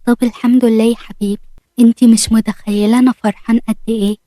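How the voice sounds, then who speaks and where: A woman's voice: fairly high pitch, little pitch movement, mellow, no room sound, lightly acted. A woman with an Egyptian Arabic accent voicing an affectionate young man, the fiancé, in a storybook tale. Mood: loving. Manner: affectionate, quick. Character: loving young fiancé, gentle and eager.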